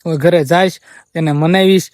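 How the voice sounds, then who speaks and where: A man's voice: fairly high pitch, steady tone, moderate pace, darkish tone, no echo, clean studio sound. A young man, talking to viewers in a subdued, rambling vlog from his family farm. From Gujarat, India. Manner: subdued, rambling and repetitive, often quoting others. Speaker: vlogger.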